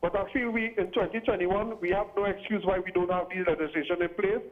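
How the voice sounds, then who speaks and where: A man calling in to a talk show, his voice muffled and breaking up over the phone line as he asks his question deliberately, restarting and correcting himself. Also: high voice, fairly even intonation. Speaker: radio call-in caller.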